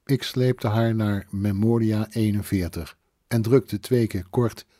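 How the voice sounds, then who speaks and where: A man reading a first-person story as an audiobook narrator, in a measured, even manner. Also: fairly low pitch, dry recording. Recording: dry close studio sound.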